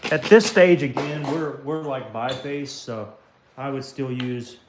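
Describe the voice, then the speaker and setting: A Southern American man with a medium-pitched, slightly slow voice hosts a casual live stream while flintknapping. Chatty and easygoing, he addresses viewers by name as he works, with heavy clicking and knocking from the stone work in the background.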